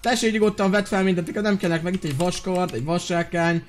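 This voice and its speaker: A man hosting a video game channel, giving playful, excitable commentary while talking to his viewers. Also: high-pitched, soft background music. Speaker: gaming video host.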